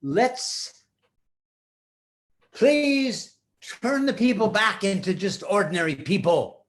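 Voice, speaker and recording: A man's voice: sits high, animated, takes it slowly, voice pushed up. An older man voicing an eager, take-charge boy hero in a rambling children's story, urging and repeating himself. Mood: confident.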